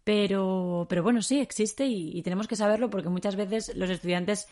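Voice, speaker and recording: A woman from Spain with a Spain Spanish accent, teaching a podcast lesson and repeating words slowly for learners. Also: mid-range voice, darkish tone.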